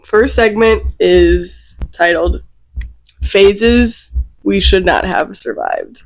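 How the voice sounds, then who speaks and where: A woman's voice: mid-range voice, very slow. A woman in her early twenties co-hosting a podcast, chatty and giggly, with lots of "like" in her casual talk. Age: young adult, early 20s. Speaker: podcast co-host. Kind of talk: casual chat.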